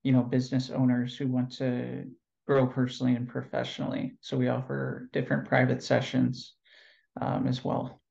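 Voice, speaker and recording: A Californian man is interviewed about his job as an NLP trainer, answering in a relaxed, reflective way full of fillers and pauses. His voice is medium-pitched and creaky, with the high frequencies cut off.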